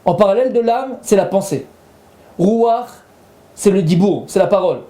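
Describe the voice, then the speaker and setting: A man's voice: sits high, animated, moderate pace, mellow, roomy sound. A man, a rabbi, giving a Torah lesson, explaining patiently and repeating his points while weaving in Hebrew terms.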